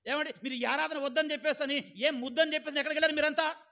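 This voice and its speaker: A man's voice: very high voice, steady tone, rapid-fire, bright, forceful tone, highs cut off. A male pastor preaching a sermon, often asking "ఏమండి?" and calling on the congregation to answer aloud.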